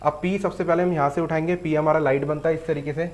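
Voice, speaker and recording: A man's voice: fairly high pitch, steady tone, fast talker. A man teaching shorthand in an online lesson, patiently explaining each stroke step by step. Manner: patient, explains step by step with frequent "theek hai". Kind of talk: online lesson with board demo.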